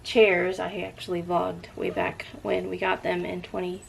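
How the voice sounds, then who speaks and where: Middle-aged female vlogger, lowish creaky voice, loose rambling conversational delivery, some background noise. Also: very animated, measured pace. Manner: rambling, often drifting off topic and picking the thread back up. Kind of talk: casual rambling chat.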